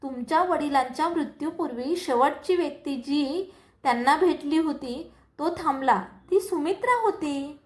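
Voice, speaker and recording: Woman reading as calm secretive man. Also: sits high, normal speed, lightly acted.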